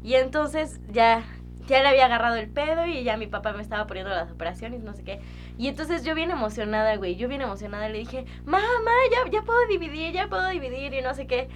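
A young woman with a Mexican accent telling childhood stories in a casual podcast chat, animated and slangy, acting out her younger self. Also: fairly high pitch, fast talker, soft background music. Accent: Mexican Spanish. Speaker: podcast co-host.

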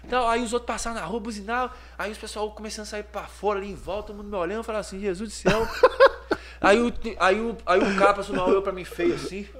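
A Brazilian man, a clothing store owner, telling lively stories in a casual podcast interview and acting out the voices of people in them. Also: high voice, very fast, hardly any pauses. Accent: Brazilian Portuguese. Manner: lively storyteller, acts out voices and sounds.

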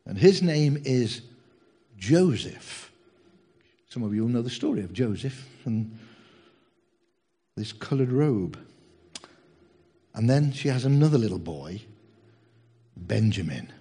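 A man's voice: medium pitch, a little mellow, husky. A man preaching a sermon in a humorous, chatty way, teasing his congregation.

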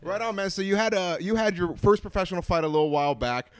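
High-voiced man hosting casual sports talk. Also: animated, fast, clear, resonant tone. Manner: slangy, chummy. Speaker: sports podcast host and interviewer.

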